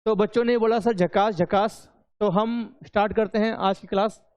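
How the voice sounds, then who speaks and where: A man's voice: sits high, level tone, a little fast, darkish tone, clean tone, dry recording, dull audio. A man with an Indian accent teaching an online accountancy class, chatty and coaxing his students to reply.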